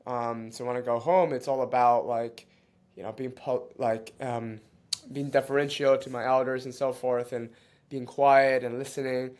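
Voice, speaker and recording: An interview guest who was born in China and grew up in Canada talks in a darkish, medium-pitched voice with little pitch movement. He reflects as he goes, pausing and restarting often, and laughs a lot.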